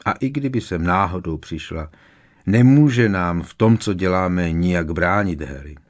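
An earnest teenage schoolgirl witch, put on by a male audiobook reader, lays out her reasoning with careful insistence. Her voice sits a touch higher than the narrator's very deep natural tone. She sounds precise and sure of herself. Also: close to an everyday voice. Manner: precise, insistent, explains at length.

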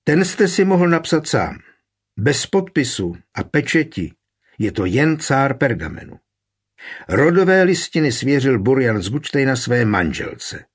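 A man's voice: mid-range voice, very animated, husky. A man voicing a sly, composed burgomaster. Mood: lawyerly. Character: shrewd, calm, short plump male burgomaster. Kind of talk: audiobook character voice.

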